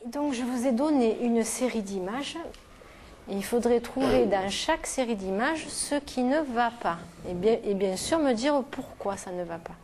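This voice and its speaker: Speak as a teacher working one-on-one with young pupils. Use a voice pitched a little high, with clear, patient questions, and confirm each answer by repeating it. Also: female voice, expressive, a little slow, darkish tone, a little hiss or hum. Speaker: primary school teacher. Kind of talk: classroom instruction to young children.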